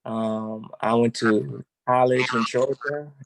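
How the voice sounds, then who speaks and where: A man's voice: mid-range voice, steady tone, slow, gravelly, dry recording, rough recording. A man from Haiti, an educator being interviewed, who talks hesitantly with many ums.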